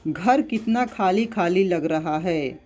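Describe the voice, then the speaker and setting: A narrator reading the lines of a gentle, restrained young man, slowly and evenly. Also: mid-range voice, expressive.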